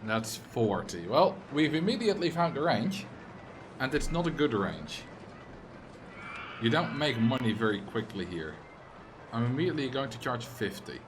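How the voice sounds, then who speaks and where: Very animated and speaking at a moderate pace, a young Dutch livestreamer from the Netherlands casually comments on his game over a noisy background. With his medium pitch and Dutch accent as a native speaker, he reads viewer chat, jokes in reply and occasionally erupts into loud, exasperated rants.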